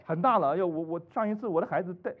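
A man from China preaching a sermon, full of rhetorical questions, swinging between loud exclamations and hushed asides. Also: sits high, racing. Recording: tinny phone-like recording.

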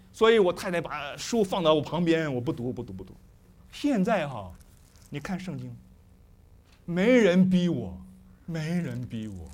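A middle-aged man preaching a sermon, constantly asking the congregation questions. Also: high voice. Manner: lively, questioning the congregation often.

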